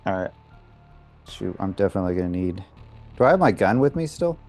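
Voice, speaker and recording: A man's voice: low voice, very animated, a little fast, a little mellow, faint music behind. A man chatting casually as a player in a tabletop role-playing game.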